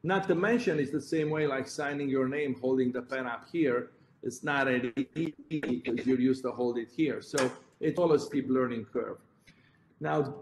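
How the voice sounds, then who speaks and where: Here a heart surgeon with a Romanian accent delivers a conference presentation in a medium-pitched voice. He moves step by step, pointing at slides and correcting himself along the way. There's roomy echo and faint background noise.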